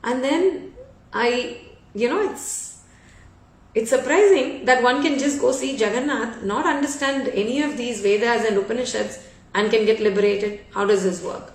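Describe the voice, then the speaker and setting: A woman's voice: fairly high pitch, moderate pace, distant mic. Woman telling a devotional story, echoey room. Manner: conversational, frequent fillers and restarts. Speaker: devotional speaker. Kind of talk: storytelling talk.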